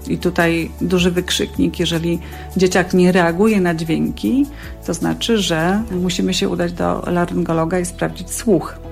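A woman's voice: on the low side, steady tone, a little slow, vocal fry, a little mellow, faint music behind. Woman speech therapist, teacherly tone. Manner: didactic, demonstrating sounds. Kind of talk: radio interview answer.

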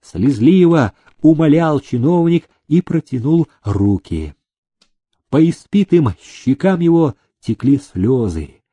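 Husky guy reading a story aloud, slow, dark mellow tone, dry close sound. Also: fairly high pitch, animated, dry recording. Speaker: audiobook reader. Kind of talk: scripted narration.

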